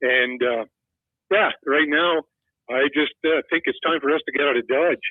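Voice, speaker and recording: An older man from Quebec calls in to a radio show, and he speaks earnestly and personally. His voice sits a little high. It comes through a thin, tinny phone line that sounds dry and close. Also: normal speed, dry recording. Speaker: caller. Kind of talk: phone-in caller.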